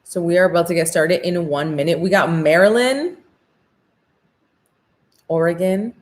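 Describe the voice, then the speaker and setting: Woman, American accent, slightly low pitch, talking with braces, upbeat, informal, live beauty workshop host. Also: moderate pace. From Orlando, Florida, USA. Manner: talking with new braces on her teeth; upbeat, excited, informal and slangy. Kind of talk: casual live-stream class, chatting with viewers.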